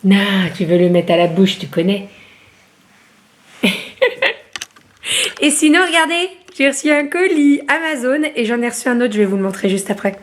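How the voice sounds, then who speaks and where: A young mother films a casual vlog at home and chats to the camera in a fairly high voice. She fills her pauses with hesitations and keeps breaking off to talk sweetly to her baby. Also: expressive. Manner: chatty, filler-heavy, turns aside to coo at her baby.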